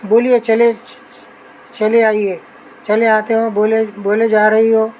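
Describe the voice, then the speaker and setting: A woman's voice: on the high side, flat delivery, a little mellow, slight background noise, natural voice, poor audio. A woman voicing a muttering weary husband. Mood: exasperated. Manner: muttering under his breath. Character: weary henpecked middle-aged husband. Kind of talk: audiobook novel reading.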